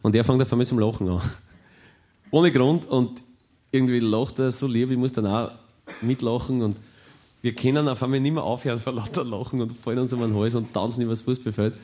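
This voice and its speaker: Deadpan Viennese cabaret comedian, man. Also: mid-range voice, brisk. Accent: Austrian German, Viennese. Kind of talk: cabaret monologue.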